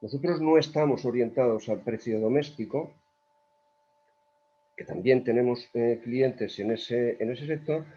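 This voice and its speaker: A man's voice: medium pitch, unhurried, slight background noise. A man with an accent from Spain, an energy company executive speaking in a panel debate over a video call, hesitant and often repeating his words. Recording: dull lo-fi call audio.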